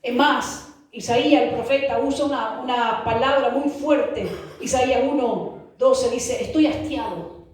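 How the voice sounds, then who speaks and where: A woman's voice: a little high, fairly even intonation, unhurried, few pauses. A woman preaching a fervent sermon, repeating rhetorical questions to the congregation. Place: church hall. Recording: echoey church hall from far off.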